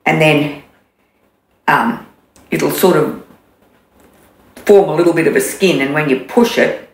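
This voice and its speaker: A woman's voice: low-pitched, vocal fry. A woman in her sixties with an Australian accent, casually demonstrating a recipe in her home kitchen with lots of ums. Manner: chatty, unhurried, many ums and restarts. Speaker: cooking demonstrator. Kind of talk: casual cooking demo. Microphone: camera in front, mid distance. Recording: echoey kitchen, faint background noise.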